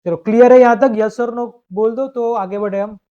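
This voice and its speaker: A high-pitched man works through a math problem in a live online class, checking step by step that his students follow. The sound is dull and lo-fi, like a compressed stream. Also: fairly even intonation, moderate pace, warm tone. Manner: explains step by step, asks students to confirm. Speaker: math teacher.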